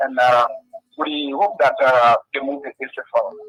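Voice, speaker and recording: A man's voice: mid-range voice, steady tone, moderate pace, a bit bright, breathy edge, low-quality recording. A man calling in to a radio show by phone, speaking hesitantly and repeating his words as he starts each thought. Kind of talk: casual call-in chat.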